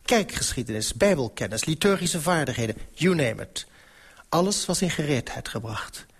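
A man narrating a novel in the first person, with wry, measured storytelling. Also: a little high, lively intonation, slightly rough. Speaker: audiobook narrator.

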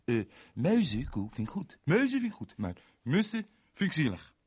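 A man reading a children's story aloud, putting on the high, loud voice of an indignant male postman friend. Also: wildly swooping pitch, normal speed, breathy edge, heavily acted. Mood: upset. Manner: indignant, pleading. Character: fussy excitable grown-up male friend, a postman.

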